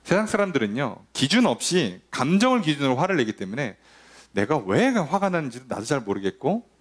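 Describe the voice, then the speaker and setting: Lively preaching man, animated pitch. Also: fairly quick. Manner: lively preaching, acts out quoted voices, rhetorical questions. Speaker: pastor. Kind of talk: sermon.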